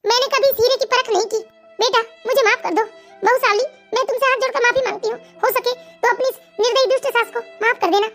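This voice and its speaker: A woman voicing a harsh, scheming old mother-in-law in an animated moral story, scolding and taunting. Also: very high voice, quick pace, soft background music. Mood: remorseful.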